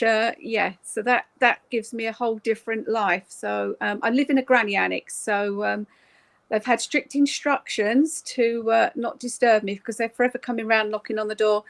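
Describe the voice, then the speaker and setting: Creaky-voiced older London woman, chatting. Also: a little high. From North London, England. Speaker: guest on an online service. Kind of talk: casual self-introduction.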